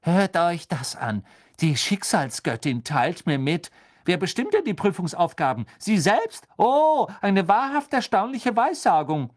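A man's voice: huge pitch swings, normal speed, slightly rough, full character voice. A man doing a scornful teenage girl. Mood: sarcastic. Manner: scornful, sarcastic, bursting into high indignant outbursts. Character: clever, exasperated teenage schoolgirl, sharp-tongued. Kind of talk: audiobook character voice.

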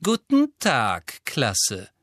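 A man voicing a smug, sugary female schoolteacher, who speaks slowly and primly. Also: medium pitch, huge pitch swings, a bit bright, dry recording, clean studio sound, full character voice. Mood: saccharine. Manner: slow, prim, syrupy.

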